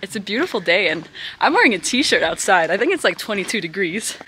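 A woman's voice: medium pitch, very animated, brisk, fairly bright tone, a little hiss or hum. Chatty, giggly young woman vlogging. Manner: chatty and giggly, talks to viewers. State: out of breath while walking. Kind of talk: casual vlog narration. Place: indoors at home, then walking outdoors in a city.

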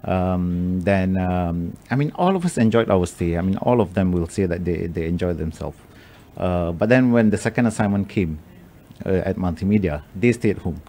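Brief: middle-aged man from Malaysia, low voice, radio studio guest, thoughtful and halting. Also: mellow. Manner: thoughtful, halting with many restarts. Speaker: guest, media executive. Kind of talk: radio interview. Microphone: studio microphone on boom.

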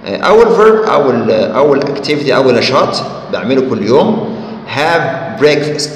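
Male English teacher, Egyptian accent, slow word drills, echoey room with faint hiss. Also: mid-range voice, sing-song. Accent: Egyptian Arabic. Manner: repeats each word slowly and corrects pronunciation. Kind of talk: recorded vocabulary lesson for young pupils.

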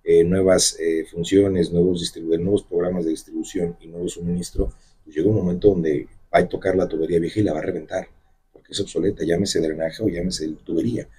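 A middle-aged man with a Mexican accent, running for mayor, answers emphatically in a radio studio, speaking into a desk microphone on a stand in the manner of a campaign speech. His voice is low-pitched and dark, a little husky, with fairly even intonation and a slightly fast pace.

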